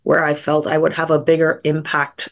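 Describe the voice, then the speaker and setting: A middle-aged woman speaks in a fairly low voice. She talks as a guest scientist sharing her life story, thoughtful and earnest, often restarting a phrase to find the right words. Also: completely flat delivery, normal speed. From Barbados. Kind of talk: reflective personal storytelling.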